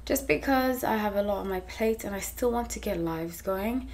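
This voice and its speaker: A woman in her thirties from New York, raised in South Africa and England, hosts a tarot channel, chatting casually to camera from a small indoor room. Her medium-pitched, darkish voice moves at a moderate pace, and she seems a bit tired and hot, using lots of fillers and restarts. There is slight background noise.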